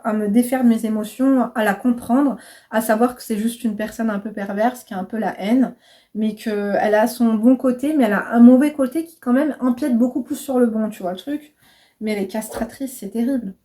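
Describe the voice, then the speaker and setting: Chatty woman vlogger with a dark, mellow voice. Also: fairly high pitch. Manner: chatty, frank, swears casually, addresses viewers as "mes crèmes". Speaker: lifestyle vlogger and coach. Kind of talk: casual chat to camera.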